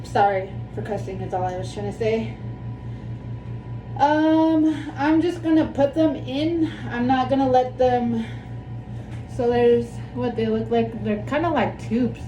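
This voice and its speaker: A woman in her thirties with a fairly high voice and a lisp rambles casually through a hands-on vlog. She is apologetic and self-deprecating. The sound is echoey and a bit distant from the mic. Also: measured pace, dark tone. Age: 30s. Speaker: plant vlogger. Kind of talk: casual, rambling chat while demonstrating. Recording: echoey room, distant mic, background music.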